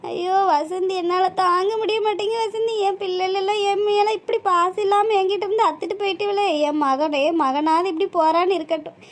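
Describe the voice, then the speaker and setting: Cartoon: a guilt-stricken old mother, lamenting and tearful, very high. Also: fairly even intonation, brisk, few pauses. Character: grieving old village mother, guilt-ridden.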